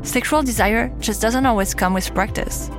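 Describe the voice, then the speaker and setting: A woman's voice: on the high side, moderate pace, music in the background. A woman in her thirties with a French accent, host of a podcast, telling her own story in candid scripted narration. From France. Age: 30s.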